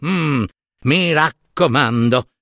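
A man voicing a gentle, protective mother duck in a storybook tale, speaking softly, patiently and coaxingly. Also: a little high, slow pace, no room sound, studio quality. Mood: tender.

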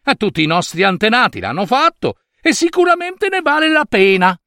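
A man's voice: very high-pitched, fairly quick, no room sound, clean studio sound, pitched above the performer's own voice, heavily acted. A man voicing an eager, impulsive older mother snail in a storybook reading. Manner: excited, wistful.

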